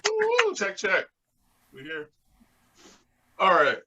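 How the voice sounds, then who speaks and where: A man's voice: sits high, huge pitch swings, slow, dull audio, very noisy. A man from Texas with a Texan accent doing a laid-back, chatty stand-up set over a video call, laughing at his own jokes. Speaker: stand-up comedian.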